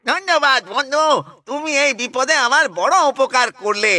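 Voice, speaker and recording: A woman voicing a fretful mother crow in an animated kids' story, scolding and high-strung. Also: moderate pace. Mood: eager. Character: anxious mother crow, female, small, shrill.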